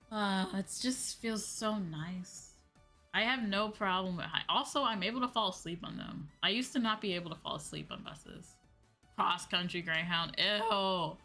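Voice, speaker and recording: An American woman hosts a livestream as a VTuber, chatting casually in a slangy, rambling, informal way with background music playing. Her medium-pitched voice is bright and forceful.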